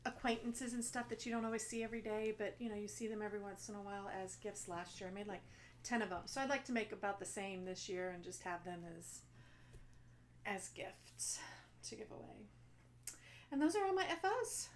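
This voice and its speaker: A woman co-hosting a casual craft podcast, chatty and quick to laugh. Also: mid-range voice, a little hiss or hum. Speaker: podcast co-host. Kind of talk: casual chat. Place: lives in Texas.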